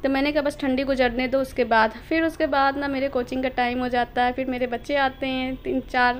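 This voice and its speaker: A woman's voice: sits high, little pitch movement, brisk, a little hiss or hum. A woman chatting casually to her viewers as she narrates her day in a home vlog. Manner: chatty, explains to viewers directly. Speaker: vlogger.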